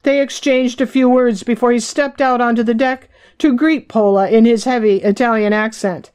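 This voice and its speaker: A woman with a somewhat high voice reads her own biography aloud. Her delivery is measured and even, steady audiobook storytelling. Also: clear, resonant tone. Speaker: author reading her own book. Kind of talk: audiobook narration.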